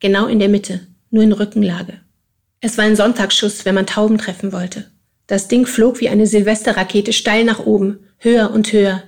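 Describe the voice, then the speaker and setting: A woman narrating an audiobook with a steady storytelling delivery. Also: mid-range voice, normal speed, vocal fry. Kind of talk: audiobook reading.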